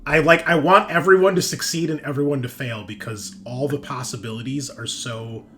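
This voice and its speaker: This tabletop roleplaying show host and game master has a mid-range, fairly bright voice with fairly even intonation at normal speed. He rants bluntly and casually, swearing as he shares opinions and leaning on emphatic tags such as "right?" and "okay?".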